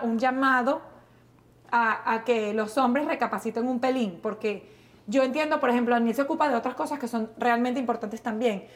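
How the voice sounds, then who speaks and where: A woman in her thirties with a Venezuelan accent, co-hosting a comedic talk show and ranting in an animated, exasperated way. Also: sits high. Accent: Venezuelan Spanish. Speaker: co-host. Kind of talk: casual comedic banter.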